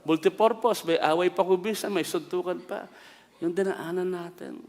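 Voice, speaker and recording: A middle-aged Filipino man, a bishop, preaching a sermon with personal stories, often asking "Amen?" and shifting between quiet asides and loud exclamations. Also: high voice, moderate pace, long reverb tail. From Philippines.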